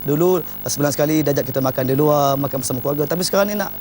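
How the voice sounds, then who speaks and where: A man's voice: fairly high pitch, racing, a little mellow, a little hiss or hum. A man gives an informal advice talk on marriage. He speaks emphatically and often opens his lines with "ha".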